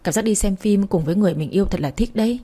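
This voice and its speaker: Chatty boastful student girl, read by a woman, warm breathy voice. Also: medium pitch, very fast, natural voice. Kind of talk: audiobook reading.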